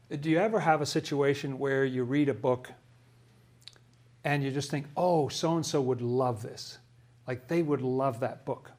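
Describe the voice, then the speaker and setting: Male preacher, slightly high voice, conversational sermon with emphatic swells. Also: darkish tone.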